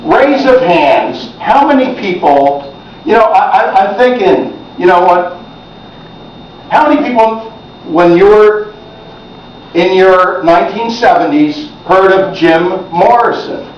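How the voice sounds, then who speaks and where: A middle-aged man with a high-pitched, lively voice does chatty stand-up comedy in a senior center hall, speaking slowly, joking and addressing the crowd directly. The recording is echoey, distant and dull, with a little hiss or hum.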